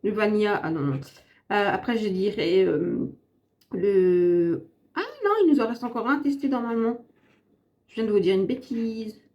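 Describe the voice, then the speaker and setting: A woman's voice: medium pitch, normal speed, highs cut off. A French woman vlogging a casual makeup and perfume review, chatty and rambling, often correcting herself. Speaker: beauty vlogger.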